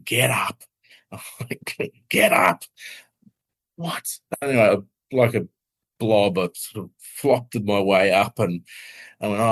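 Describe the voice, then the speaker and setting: A middle-aged man, a podcast guest, telling a personal testimony in an earnest, halting way with many restarts and soft laughs. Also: lowish voice.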